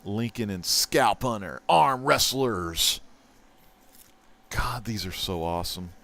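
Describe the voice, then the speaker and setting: A man hosting a casual comic book haul vlog, chatty and excitable, swinging from loud bursts to mumbled asides. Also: on the low side, slow pace, vocal fry. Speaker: host.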